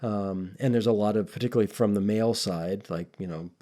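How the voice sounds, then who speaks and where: A man's voice: lowish voice, brisk, dark tone. A man co-hosting a podcast, talking casually and thoughtfully, rambling with frequent restarts. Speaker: podcast co-host.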